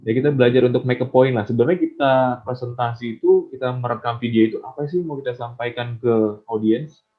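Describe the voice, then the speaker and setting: A man's voice: mid-range voice, fairly quick. A man teaching public speaking in an online class, encouraging and asking his students questions. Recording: tinny phone-like line.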